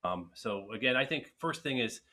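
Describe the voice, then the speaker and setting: A man with a sharp, expressive mid-range voice answers viewer questions on speech and swallowing at a moderate pace, against a little hiss or hum. In this casual webinar Q&A he is frank and advice-giving, with frequent restarts.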